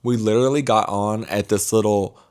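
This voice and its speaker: A young man with a fairly low voice and a Mississippi accent. He talks like a travel vlogger catching up with friends, casual and chatty. His delivery is gossipy and emphatic, full of confiding asides to whoever is watching. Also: steady tone, normal speed, darkish tone. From Mississippi, United States. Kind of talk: casual chatty storytime vlog.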